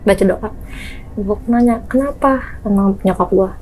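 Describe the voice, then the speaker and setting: A woman's voice: mid-range voice, fairly quick, a little hiss or hum, low-quality recording. A young woman, casually telling a true ghost story as a guest, acting out knocks and voices. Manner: lively, acts out knocks and voices.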